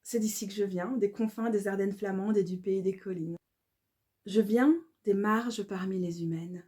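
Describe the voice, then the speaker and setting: Mellow-voiced woman reading poetry. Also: medium pitch. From Belgium. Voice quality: calm, measured, incantatory delivery. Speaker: author reading her own book.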